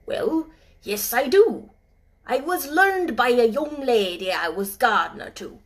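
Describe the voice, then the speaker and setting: A woman voicing a gruff, grumbling old male gardener with a put-on in an audiobook. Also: a little high, expressive, measured pace. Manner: gruff, grunting, clipped old-fashioned speech. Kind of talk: audiobook character voice.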